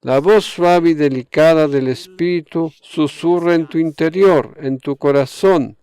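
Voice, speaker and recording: A man delivering a sermon at an unhurried, deliberate pace, often coming back to the same phrases. His voice sits a little high for a man and sounds smooth and clear. The recording is dry and close, with no room sound. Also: darkish tone, no echo. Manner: slow, measured preaching with repeated phrases. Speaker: preacher.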